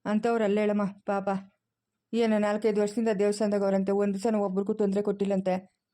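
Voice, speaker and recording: A woman's voice: medium pitch, level tone, fast talker, mellow, natural voice. A woman from the Chikkaballapur region playing a kindly old village grandfather in a family drama, speaking patiently and soothingly with a rural Kannada accent. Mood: explaining. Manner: patient, soothing, explains at length. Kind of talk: amateur family drama acting.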